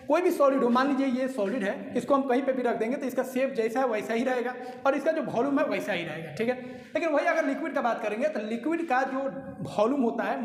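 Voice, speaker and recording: A man teaching a recorded lecture, explaining patiently and often pausing to check that listeners follow. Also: very high-pitched, a little hiss or hum. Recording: echoey hall with long reverb.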